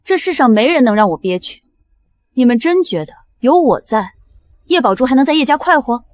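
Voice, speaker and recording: A young actress playing a proud, sharp-tongued heiress who talks in a cool, cutting, self-assured way. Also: female voice, high voice, very animated, a little fast. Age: young adult. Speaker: lead actress. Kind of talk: short drama acting.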